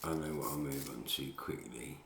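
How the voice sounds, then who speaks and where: A man's voice: extremely low pitch, moderate pace, gravelly. A British man giving a matey, opinionated, unscripted monologue, recorded on a dictaphone at home. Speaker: solo recorder of a spoken commentary. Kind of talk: rambling informal monologue. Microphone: handheld dictaphone. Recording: roomy dictaphone recording with faint noise.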